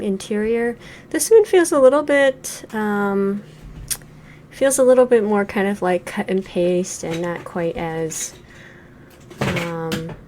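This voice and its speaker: In a mid-range, darkish voice with a little hiss or hum in the recording, a woman in her forties gives relaxed let's play commentary. She reviews the game thoughtfully as she plays, peppering her talk with ums and likes.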